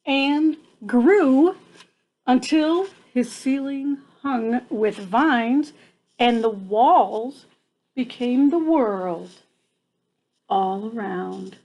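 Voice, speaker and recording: A woman's voice: on the high side, drawn-out words, darkish tone, highs cut off. An older woman reading a picture book aloud to children like a grandmother, adding chatty asides and checking in with her young listeners.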